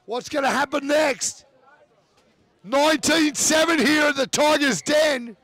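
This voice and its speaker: A man giving live rugby commentary, excitable and often shouting over the play, with chatty asides about the players. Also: extremely high pitch, measured pace, no room sound.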